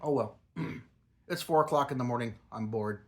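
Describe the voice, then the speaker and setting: A man's voice: mid-range voice, moderate pace, a little mellow. Middle-aged man talking around lip of dip. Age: middle-aged or older, a grandfather. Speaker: product reviewer. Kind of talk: casual rambling review chat.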